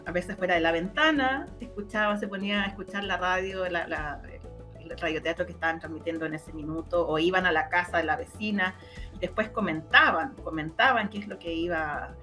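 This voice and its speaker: Faint music plays behind this fairly low, sharp-toned female voice speaking at normal speed. She has a Chilean accent and produces radio drama and audio stories. In a conversational interview she reflects expressively, frequently repeating words to stress them.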